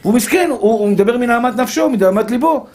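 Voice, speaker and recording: A rabbi with a notably high voice preaches to a room of listeners. He drives home each point by saying it again and again, and he keeps warmly calling the listeners his dear brothers. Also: lively intonation. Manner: emphatic, repetitive, addresses listeners as dear brothers. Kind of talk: Torah lesson to a live audience.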